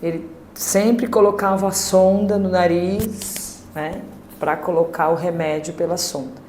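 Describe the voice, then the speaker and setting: A Brazilian woman telling her family story as a podcast guest, halting and emotional, with many fillers. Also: on the low side, fairly even intonation, a little mellow, a little hiss or hum. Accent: Brazilian Portuguese. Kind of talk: personal testimony in a podcast. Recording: echoey room.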